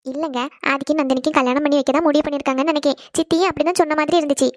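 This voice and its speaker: An anxious young cartoon wife, as a woman plays her, speaking quickly in a high, clear voice. The recording is dry and close. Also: fairly even intonation, no echo, natural voice. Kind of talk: cartoon voice acting.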